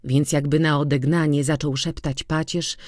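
A narrator reading a literary audiobook in a calm, measured storytelling manner. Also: mid-range voice, no room sound, clean studio sound.

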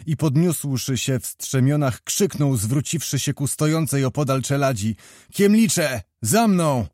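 A man narrating a historical novel in a measured, expressive storytelling voice. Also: medium pitch, no echo, studio quality. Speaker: audiobook narrator.

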